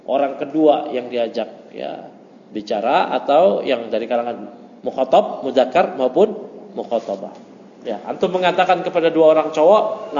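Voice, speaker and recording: A man teaching an informal grammar class, joking and chatty, mixing Arabic terms into relaxed explanations. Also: medium pitch, slight background noise. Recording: muffled echoey room recording.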